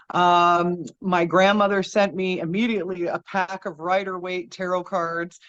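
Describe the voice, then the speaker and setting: A woman who works as a medium, telling stories in a podcast interview in a rambling way with many filler sounds. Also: fairly low pitch. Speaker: guest, medium and energy healer. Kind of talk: storytelling in an interview. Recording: dull lo-fi audio.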